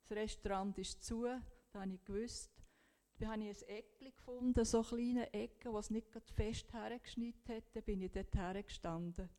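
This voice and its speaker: A woman's voice: medium pitch, steady tone, normal speed, dark tone. A woman with a Swiss German accent, earnestly telling a personal faith story and quoting her prayers. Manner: earnest, heartfelt retelling with quoted prayers. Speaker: guest sharing a faith testimony.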